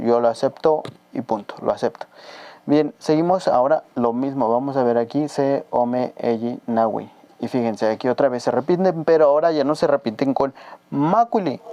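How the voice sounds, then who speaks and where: A man with a Mexican Spanish accent teaching a casual spoken language lesson, patiently repeating words slowly for learners. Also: mid-range voice, warm tone, no echo.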